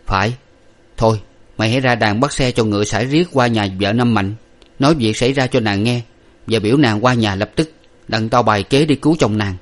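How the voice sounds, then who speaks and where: A man reading a story, voicing a young gentleman master who gives orders curtly. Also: fairly low pitch, fairly quick, close to an everyday voice. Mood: commanding. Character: young gentleman master, dazed but commanding.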